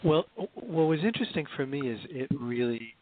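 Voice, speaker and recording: A man's voice: medium pitch, animated, a little fast. A man speaking as a guest in a radio interview over a crackly phone line with static. He talks hesitantly, with many fillers and restarts.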